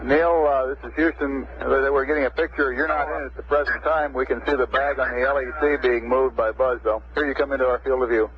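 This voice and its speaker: A man's voice: medium pitch, fairly even intonation, a little fast, long pauses. A man at mission control speaks in terse, procedural radio talk, every reply short and matter-of-fact. His voice comes through a space radio link with beeps, dulled and muffled. A faint hiss sits under it. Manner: clipped, matter-of-fact call-and-response.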